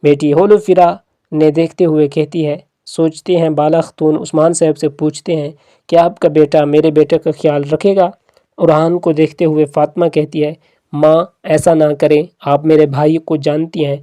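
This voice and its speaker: Drama recap narrator, plot retelling, quoted dialogue read plainly, warm tone, dry close recording. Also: mid-range voice, flat delivery, no echo. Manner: reads characters' lines plainly as quotes within the retelling.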